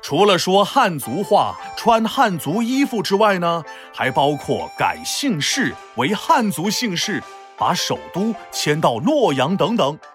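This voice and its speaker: A storyteller host narrates for children with playful exaggeration. The pitch swings widely from phrase to phrase, over soft background music. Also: big pitch swings, a little slow. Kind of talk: animated scripted children's storytelling.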